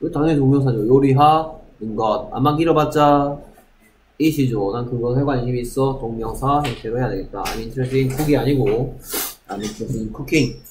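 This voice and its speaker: A man teaching English grammar to a class, talking briskly, checking often that students follow and reading English example sentences slowly. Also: medium pitch, darkish tone, reverberant, slight background noise, rough recording.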